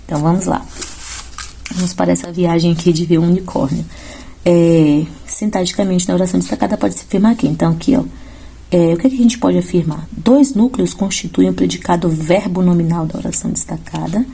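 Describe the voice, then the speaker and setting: Gravelly-voiced woman teaching grammar. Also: fairly low pitch, brisk, mellow. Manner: explanatory, checks in with "tá bom?" and "ó". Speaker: Portuguese teacher. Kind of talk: exam-prep lesson going through questions.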